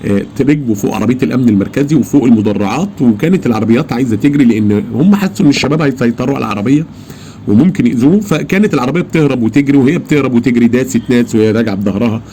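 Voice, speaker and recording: A man with an Egyptian Arabic accent, telling an eyewitness story in an animated, emphatic way. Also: medium pitch, rapid-fire, a little hiss or hum. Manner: animated, emphatic, acts out his own shouts. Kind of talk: casual personal storytelling.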